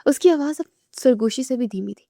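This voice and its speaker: A woman narrating a romance novel aloud in a soft, emotive way, sometimes dropping to a whisper. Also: sits high, expressive, gravelly, no echo, studio quality.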